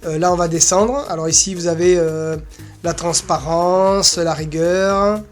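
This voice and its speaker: In this informal, unscripted screen-share walkthrough of an association's website, the presenter rambles casually with little filler sounds. Their mid-range voice holds a steady tone and moves a little slowly, with soft music in the background.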